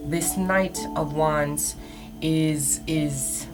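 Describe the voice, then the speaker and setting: A woman's voice: sits low, fairly even intonation, drawn-out words. A woman giving a mystical horoscope tarot reading in a casual, conversational way, speaking straight to her listeners. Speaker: tarot card reader. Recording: loud background music. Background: music, shuffling cards.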